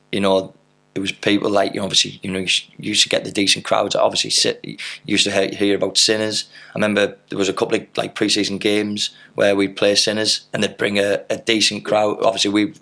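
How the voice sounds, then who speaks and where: A man in his thirties with a low, gravelly voice. He tells long, loose anecdotes in a casual interview, full of fillers and the odd swear word, and his delivery stays flat and even throughout. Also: brisk. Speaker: podcast guest, footballer.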